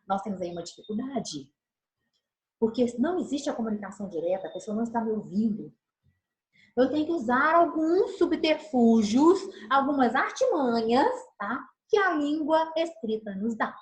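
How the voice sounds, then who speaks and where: Lady teacher doing a video class, voice goes up and down a lot, bit high, echoey room. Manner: animated, gestures while explaining; acts out tones of voice as examples. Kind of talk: recorded video lesson. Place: room, recording alone.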